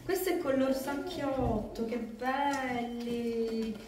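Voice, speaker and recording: A woman's voice: fairly high pitch, takes it slowly. Effusive woman vlogging in an echoey room. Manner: effusive, exclaiming over each gift. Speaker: vlogger opening Christmas gifts. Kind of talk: casual vlog chat. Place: home room. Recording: echoey room from far off, loud noise.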